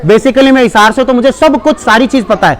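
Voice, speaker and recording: The man's voice is extremely high-pitched and brisk as he delivers a live demonstration speech at a school seminar. As the presenter, he coaxes the children and mixes in English phrases.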